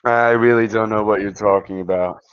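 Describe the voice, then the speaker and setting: A man's voice: lowish voice, fairly even intonation, a little fast, clean tone, no room sound, lo-fi sound. A man in casual online voice chat, talking in a laid-back, mumbling, dismissive way. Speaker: voice chat debater.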